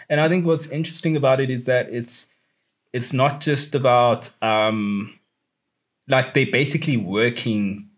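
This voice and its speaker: Laid-back South African podcast host. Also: male voice, medium pitch. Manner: loose and rambling, laughs often, calls his friend bro and dude. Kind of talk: casual chat.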